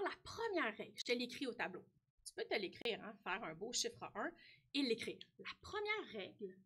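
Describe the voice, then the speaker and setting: A female teacher with a Québécois French accent gives young children a spelling lesson, addressing the child directly and repeatedly asking "hein?". Her voice sits on the high side, a bit bright with a breathy edge.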